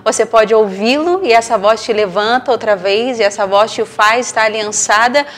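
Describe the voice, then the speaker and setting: A woman with a Brazilian Portuguese accent, a church leader preaching in a gentle, reflective way. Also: a little high, normal speed, a little hiss or hum. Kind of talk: sermon.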